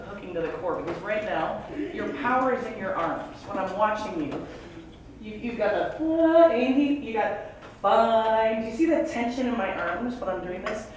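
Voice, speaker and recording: A woman's voice: medium pitch, moderate pace. Woman vocal coach in echoey hall. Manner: conversational, emphatic, demonstrates as she talks. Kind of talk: rehearsal coaching. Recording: echoey room, far mic, background noise.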